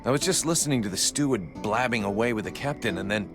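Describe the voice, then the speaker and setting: A blunt mercenary hero voiced by a man talks informally in a fairly low voice. It is video game acting with music underneath. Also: quick pace, close to an everyday voice. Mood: bewildered. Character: gruff plain-spoken mercenary hero.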